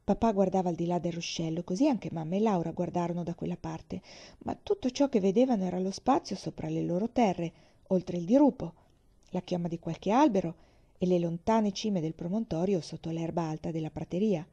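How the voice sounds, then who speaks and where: Mellow woman reading a story aloud. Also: lowish voice, brisk, husky. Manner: calm, expressive storytelling. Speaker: reader. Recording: slightly dull lo-fi recording.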